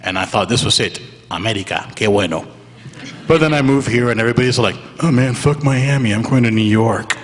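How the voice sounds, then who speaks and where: A man's voice: medium pitch, fairly quick. A man in his thirties from Venezuela, speaking as a panelist with a wry, irreverent storytelling manner. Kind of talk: live panel talk. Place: museum event hall before an audience. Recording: live hall reverb.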